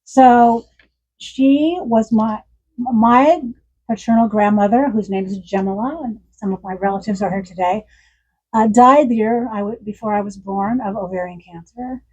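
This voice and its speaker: At a bookstore event, a woman in her sixties reads from her memoir and tells stories warmly, laughing often. Her mid-range voice has a breathy edge and a moderate pace, and the sound is lo-fi.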